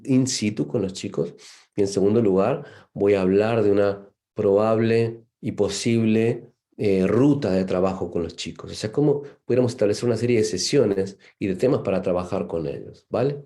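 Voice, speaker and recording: This Argentine psychologist has a dark, lowish voice and an Argentine Spanish accent. Lecturing at a seminar, he sounds thoughtful and peppers his speech with fillers and "¿no?" tags.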